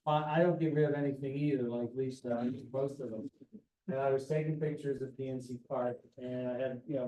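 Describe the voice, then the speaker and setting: A man's voice: medium pitch, mellow. A man moderating a club meeting in loose casual talk, prompting others and restarting his sentences. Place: meeting room. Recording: echoey room with faint noise.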